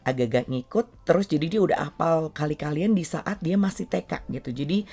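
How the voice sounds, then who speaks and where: A mellow, husky female voice that sits low and moves a little fast belongs to a middle-aged parenting vlog host from Indonesia. In her casual family talk video she's chatty, dropping in English words amid frequent fillers.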